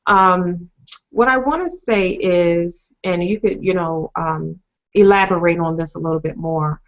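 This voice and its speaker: A woman's voice: fairly low pitch, a little slow. A woman hosting an interview, asking searching, rambling questions with many fillers. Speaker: host. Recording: dull lo-fi sound.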